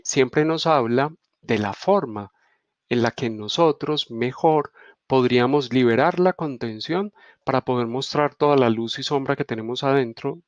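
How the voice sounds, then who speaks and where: A man giving a reflective spiritual teaching, unhurried and checking in with rhetorical questions. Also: medium pitch, no room sound, dull audio. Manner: unhurried, repeats rhetorical "¿sí?" and "¿cierto?".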